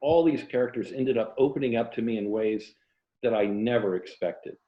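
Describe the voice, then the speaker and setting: An American writer from Tampa, Florida, speaks as an interview guest in a mid-range voice at normal speed. On a video call from indoors in an old house, with roomy, muffled audio, he chats casually and then reads an excerpt from his own novel.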